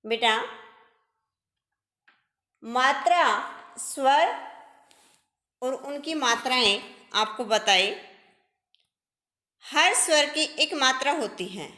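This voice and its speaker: Woman teacher for a children's grammar lesson, slow and patient, high voice, echoey room. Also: lively intonation, pushed and bright. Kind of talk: primary school grammar lesson.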